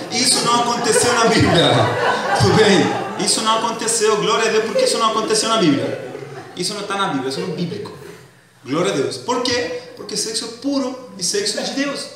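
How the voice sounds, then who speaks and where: A man's voice: high-pitched, animated, a little fast, over a noisy crowd. A man preaching a sermon in church in a casual, slangy way, quizzing the congregation and acting out comic scenes. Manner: acts out comic skits. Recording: echoey church hall, distant mic.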